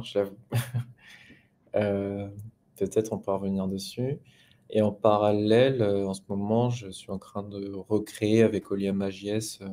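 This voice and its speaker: A man's voice: lowish voice, warm tone, slight background noise. A man, a frontend developer guest on a tech podcast, talking hesitantly and candidly about the tools he uses. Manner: hesitant, candid, talks about own tool use. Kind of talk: casual tech panel chat.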